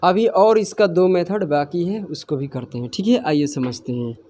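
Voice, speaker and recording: A man's voice: fairly high pitch, expressive, moderate pace, warm tone, slight background noise. A man teaching a maths class, who keeps asking his students questions and answers them himself. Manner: scolds students for laughing.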